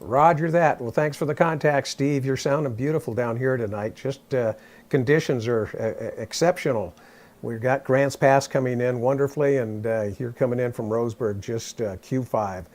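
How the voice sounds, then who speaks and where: A man's voice: mid-range voice, moderate pace, darkish tone. A man working as an amateur radio operator, calling and chatting in military radio style with procedural phrasing. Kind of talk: casual ham radio net exchange. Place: at his radio station.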